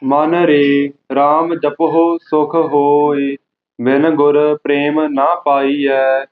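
A man reciting Sikh scripture line by line in a measured chant, as a student in a lesson. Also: a little high. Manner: very slow, flat, measured reading line by line. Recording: tinny phone-like audio.

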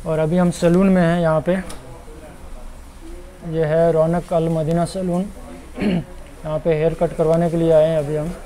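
A man's voice: fairly high pitch, level tone, unhurried, pauses often, warm tone, rough recording. A young man vlogging a walking tour of a market, chatting and pointing things out to viewers, recorded on a lapel mic outdoors and in shops. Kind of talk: casual walking-tour vlog. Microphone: clip-on lapel mic.

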